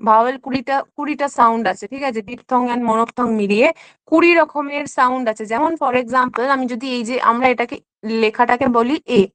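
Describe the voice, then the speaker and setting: A woman's voice: high-pitched, steady tone, brisk, a bit bright, no echo, rough recording. A woman teacher giving an online exam-prep lesson, explaining step by step, mixing in English terms and checking in often. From West Bengal.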